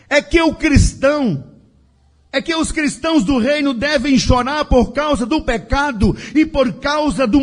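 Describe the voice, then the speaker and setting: High-voiced, slow-preaching man. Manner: slow, emphatic preaching with a sing-song cadence. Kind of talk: sermon.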